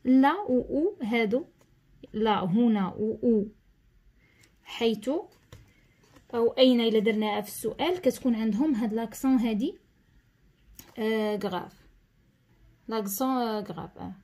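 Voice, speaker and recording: A woman with a Moroccan accent teaching a lesson, explaining step by step, repeating key terms and reading instructions slowly and deliberately. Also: a little high, dark tone. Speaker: schoolteacher. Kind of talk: tutorial lesson.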